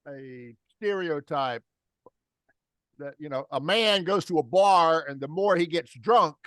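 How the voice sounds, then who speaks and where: A man with an American accent chats and tells stories in a jokey teaching manner. His voice is high for a man and sounds dry, with little room. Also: measured pace, a bit bright, no echo. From United States. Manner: jokey, explains slang. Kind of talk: casual storytelling.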